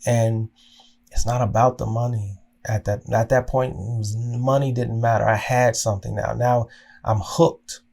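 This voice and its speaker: A man's voice: medium pitch, little pitch movement, a little slow, creaky, darkish tone. A man from Oklahoma hosting a podcast, telling a personal story in an earnest, emotional way, often restarting and repeating words as he goes. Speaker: podcast host.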